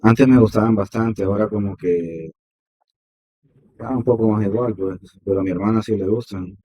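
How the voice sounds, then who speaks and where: A man, hosting a podcast interview with steady agreeing replies. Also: on the low side, moderate pace, breathy edge, poor audio. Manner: affirming, frequent "ujú" backchannel. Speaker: podcast host. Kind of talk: casual interview talk.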